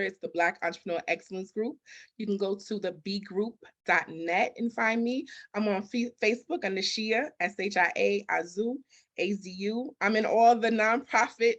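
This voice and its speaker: A slightly bright, mid-range female voice belongs to a business consultant and grant expert guesting on a conversational interview. She speaks emphatically, launching rhetorical questions and performing short bits of dialogue.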